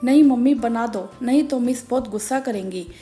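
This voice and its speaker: A woman's voice: a little high, moderate pace, warm tone, faint music behind, lightly acted. Woman doing a pleading little schoolgirl. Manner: pleading, insistent. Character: pleading schoolgirl daughter, small child.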